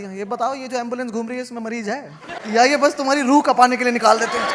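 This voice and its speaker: A young man works a live crowd with quick, chatty stand-up, his voice sitting very high for a man. He delivers sardonic stories and jumps into loud bursts. The live recording has noticeable noise under it. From India. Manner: conversational, sardonic storytelling with sudden loud outbursts. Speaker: stand-up comedian. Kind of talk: stand-up comedy with crowd work. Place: live comedy venue with audience laughter. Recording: noisy live show recording.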